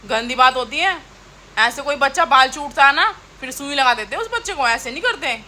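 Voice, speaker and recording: This young mother's voice is high, animated, brisk, bright and forceful as she chats through a casual home vlog. Moving around her kitchen and rooms, she now and then tells off her children.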